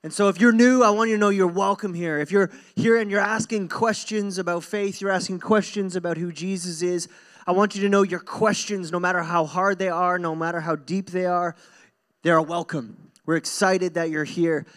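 On the stage of a church hall, this young adult pastor delivers a conversational sermon into a handheld mic. His high, clear, resonant voice is a bit bright, with fairly even intonation and normal speed, and his earnest, informal delivery leans on repeated phrases.

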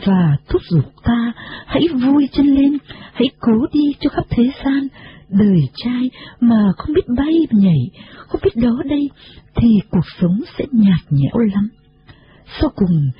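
Expressive female storybook narrator, dramatic, slightly high, lo-fi. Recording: dull lo-fi recording.

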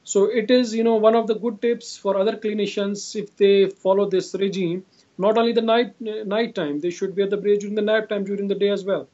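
An interviewed clinician with an Indian accent and a notably high, steady, mellow voice explains things a little fast, often repeating phrases and saying "you know." He's on a video call in an indoor room, the device at arm's length, so the audio is dull, slightly muffled and lo-fi.

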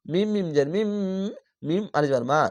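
Man slowly spelling out Quran words. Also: on the high side. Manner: slow, drawn-out syllable-by-syllable spelling, then chanting the word; patient explanatory tone. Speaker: Quran reading teacher. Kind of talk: spelling-out Quran recitation lesson.

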